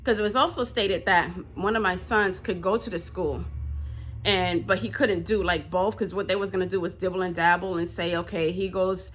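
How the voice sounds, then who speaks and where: A woman's voice: lowish voice, fairly even intonation, normal speed, a little hiss or hum. A woman vlogging casually to her viewers as a parent, speaking, fired up and indignant, often asking "you know what I'm saying". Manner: heated, rising to indignant outbursts. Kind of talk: casual vlog talk to viewers. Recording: music loud behind the voice. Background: loud music.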